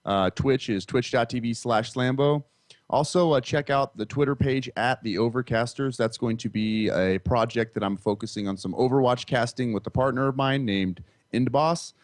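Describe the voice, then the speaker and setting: A man's voice: mid-range voice, moderate pace, no room sound. A man guesting on a podcast over a call, chatting casually and laughing easily. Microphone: remote call mic.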